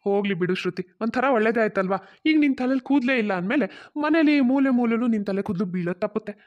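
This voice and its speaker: A woman's voice: a little high, expressive, very fast, dull audio, close to an everyday voice. A woman voicing a young husband in a cartoon who teases, then consoles and advises his wife. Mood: teasing. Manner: soothing, gently teasing. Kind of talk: cartoon voice acting.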